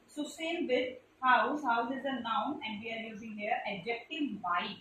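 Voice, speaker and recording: This is a classroom grammar lesson from a woman teacher with an Indian English accent, who explains step by step and spells out letters for her pupils. Her voice is on the high side and a bit bright, captured from a distance in an echoey room with slight background noise.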